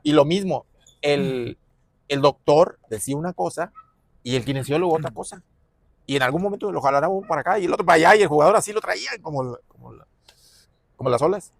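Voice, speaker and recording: A middle-aged former footballer with a Mexican Spanish accent chats casually in an interview, reflective and full of pauses and fillers. His voice runs a little high with some vocal fry, and there's no room sound.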